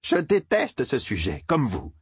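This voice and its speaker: A man voicing a cranky, indignant old male roofer who scolds and shouts, in an audiobook. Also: medium pitch, wildly swooping pitch, measured pace, slightly rough, no room sound, clean studio sound, pitched above the performer's own voice, heavily acted. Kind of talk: audiobook character voice.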